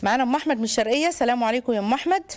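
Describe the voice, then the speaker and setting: An Egyptian woman hosting a call-in advice show, talking fast and animated in a preachy, motherly way from a studio. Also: fairly high pitch, a little hiss or hum. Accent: Egyptian Arabic. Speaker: host answering callers. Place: radio studio.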